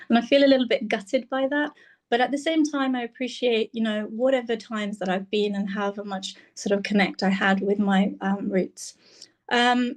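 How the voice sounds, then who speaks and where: Higher-pitched woman, reflective and hesitant. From Bangladesh. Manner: warm, reflective, with many "um"s. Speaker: guest speaker, senior lecturer. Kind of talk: personal talk on a video call. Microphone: phone.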